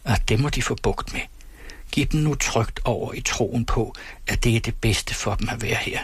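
A man voicing a calm, matter-of-fact female nurse in an audiobook. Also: medium pitch, slightly rough, no room sound.

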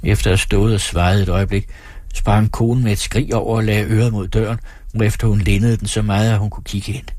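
A man narrating an audiobook in a steady, measured reading voice, close to the mic. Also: fairly low pitch, no room sound.

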